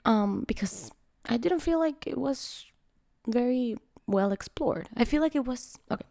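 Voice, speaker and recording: A woman vlogger speaking in a casual, candid way, her voice worn from being sick, blunt and quick to swear as she gives her opinion. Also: fairly high pitch, animated, vocal fry, dark tone, no echo, studio quality. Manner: frank, frustrated, self-mocking. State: sick, voice strained by illness. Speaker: vlogger reviewing a film.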